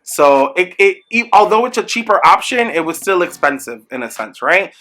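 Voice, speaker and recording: A young man telling an animated, chatty storytime about his small business, talking straight to his viewers. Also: sits high, normal speed, soft background music. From New York. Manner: animated, chatty, emphatic retelling with asides to viewers. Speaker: small business owner vlogging. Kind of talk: casual storytime vlog. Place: home room with product shelves.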